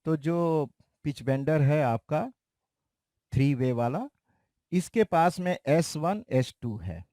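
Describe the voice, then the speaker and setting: Guy showing off his keyboard settings, talks real slow, dry close sound. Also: on the high side, lively intonation, dark tone, no room sound. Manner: slow, explanatory, addresses viewers as friends. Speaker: keyboard teacher. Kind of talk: casual demo tutorial. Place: recording studio.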